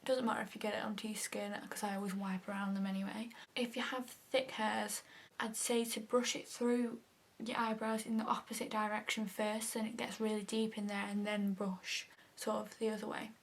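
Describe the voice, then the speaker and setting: A woman's voice: medium pitch, little pitch movement, moderate pace. A young woman chatting through a makeup tutorial, filling her talk with "like" and often dropping to a half-whisper. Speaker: makeup vlogger. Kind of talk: casual makeup tutorial chat.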